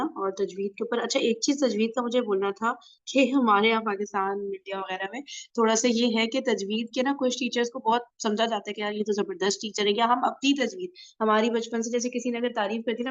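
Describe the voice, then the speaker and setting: Woman host, slightly high voice, chatty and earnest, muffled lo-fi sound. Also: steady tone. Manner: chatty, earnest, full of fillers like "na" and "theek hai". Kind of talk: casual talk to listeners. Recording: dull lo-fi recording.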